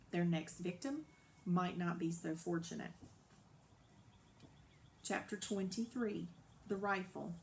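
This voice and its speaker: A woman narrating a children's novel aloud in a lively, dramatic storybook style. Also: mid-range voice, a little hiss or hum. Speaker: audiobook narrator.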